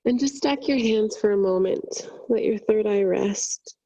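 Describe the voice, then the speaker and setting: A woman yoga instructor giving gentle, soothing, unhurried cues in a soft, breathy, husky voice. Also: mid-range voice, dry recording, low-quality recording. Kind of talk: guided yin yoga instruction.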